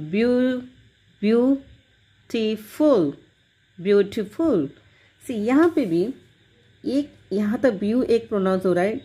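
A woman teaching an English grammar lesson, explaining slowly and deliberately and switching between Hindi and English. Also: fairly high pitch, mellow, slightly rough.

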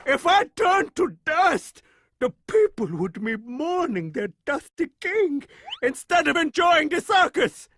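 A man's voice: extremely high pitch, sing-song, slow, a bit bright, no room sound, clean studio sound, exaggerated voice. A man voicing a vain, party-loving lemur king in a video game, theatrical, pompous and childishly gleeful. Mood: indignant. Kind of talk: animated video game cutscene acting.

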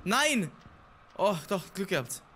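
A young adult gamer giving excitable, swearing horror-game let's play commentary to viewers, yelping at the scares. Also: mid-range voice, slow, slight background noise.

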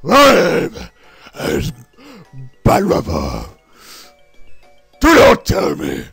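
A man voicing a gruff masked male bat superhero in a mock-serious impression, with a gravelly, growling tone. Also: fairly high pitch, wildly swooping pitch, a bit bright, dry recording, faint music behind, heavily acted. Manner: slow, exaggerated mock-gruff delivery.

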